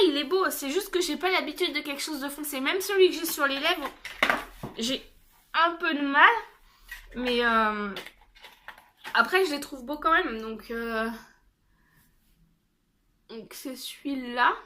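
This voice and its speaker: A young woman talks casually through a shopping haul, pausing often on fillers and restarting her sentences. Her voice sits high and sounds bright. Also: a little hiss or hum. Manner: chatty, many fillers and restarts. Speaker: haul vlogger. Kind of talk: casual haul video chat.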